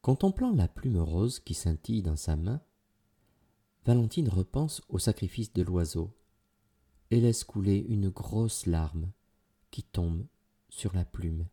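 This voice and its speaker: A man narrating a children's story with an expressive, dramatic delivery. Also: low voice, slow pace, long pauses.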